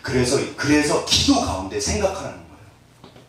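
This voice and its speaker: A man's voice: a little high, big pitch swings, normal speed, creaky. A middle-aged man preaching a sermon as pastor, joking with the congregation and acting out little scenes. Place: church hall. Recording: echoey hall, mic at a distance, faint noise.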